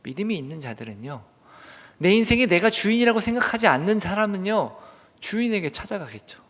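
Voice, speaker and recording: Male pastor, earnest sermon, lively rising and falling delivery, long church reverb. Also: high voice, a little fast. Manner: earnest, asks the congregation rhetorical questions; swings between loud emphatic bursts and hushed whispers. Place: church sanctuary.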